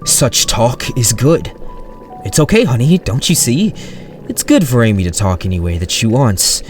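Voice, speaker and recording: Dad figure, loud and over-reassuring ; a man reading him, storybook voice. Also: on the low side, a little slow, lightly acted. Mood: forced cheer. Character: middle-aged father, forced cheerfulness. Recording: distant mic with soft music.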